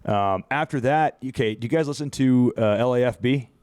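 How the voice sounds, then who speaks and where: A man's voice: medium pitch, brisk, darkish tone, clear, resonant tone, no room sound. A young man hosting a casual sports podcast, rambling through stories, swearing casually and laughing mid-sentence. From USA. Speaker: podcast host.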